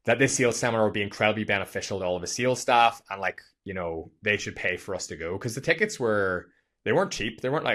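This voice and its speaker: A young man telling a story on his podcast, energetic and profane, with lots of fillers, speaking into a studio microphone. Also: on the low side. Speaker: podcast host. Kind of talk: casual storytelling monologue.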